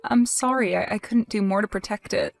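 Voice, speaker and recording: In a voice-acted text-message drama, a woman plays a heartbroken young wife who pleads at normal speed in a high, lively voice. Grieving and emotional, her pitch rises and falls widely as her hurt builds, while faint music plays underneath.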